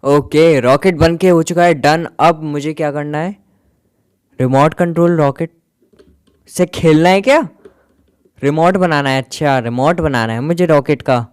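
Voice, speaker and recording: A man's voice: fairly high pitch, measured pace, clear, resonant tone, no echo. A man giving casual gameplay commentary in a playful, grumbling, joking way, slipping English words into his talk. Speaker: gaming YouTuber.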